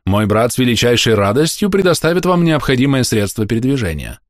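A man reading an audiobook, voicing a smooth-talking male trader who sounds falsely friendly and faintly ironic. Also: mid-range voice, very animated, a little fast, no echo, studio quality, lightly acted. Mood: ingratiating.

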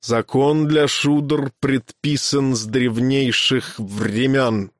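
A man voicing a cold, ruthless young male brahmin who speaks in an even, grating, unhurried voice. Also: mid-range voice, no echo, studio quality, close to an everyday voice. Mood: cold, commanding.

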